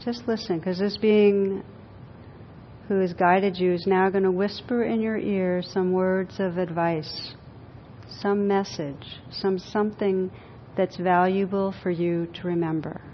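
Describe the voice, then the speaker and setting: A woman teacher leading a guided meditation for a group, speaking gently and unhurriedly, with pauses and repeated phrases. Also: mid-range voice, steady tone. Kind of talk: guided meditation, then informal group discussion. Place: room with a group audience. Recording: dull lo-fi live recording, faint noise.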